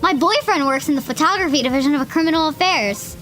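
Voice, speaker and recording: Woman reading as a haughty lunch lady witness, taunting, high, bright voice, game dialogue read aloud. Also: fast, faint music behind. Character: sharp-tongued adult female ex-detective lunch lady witness.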